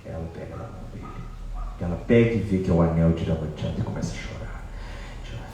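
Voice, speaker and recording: A man giving a devotional storytelling lecture at a religious celebration, telling the tale in an animated, dramatic way. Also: sits low, fast talker, slight background noise. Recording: echoey hall from far off.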